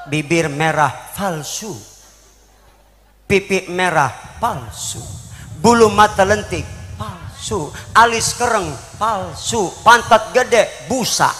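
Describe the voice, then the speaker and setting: A man's voice: high voice, pushed and bright, big-room sound, a little hiss or hum. A man preaching a humorous sermon at a mosque gathering, joking and asking the audience questions.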